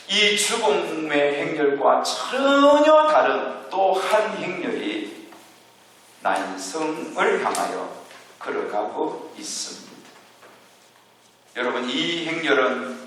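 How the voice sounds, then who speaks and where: A male pastor preaching a sermon, putting rhetorical questions to the congregation with slow, deliberate phrasing. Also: on the high side, slight background noise. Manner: slow, deliberate delivery with soft drops and rising emphasis. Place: church sanctuary. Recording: very echoey church hall, mic far off.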